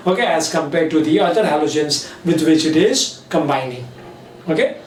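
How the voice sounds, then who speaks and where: Very slow-dictating Indian man teacher. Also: a little high, a little hiss or hum. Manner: slow, dictating key points word by word; mixes Hindi and English mid-sentence. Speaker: chemistry teacher. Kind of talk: classroom lecture. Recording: echoey room, mic at a distance.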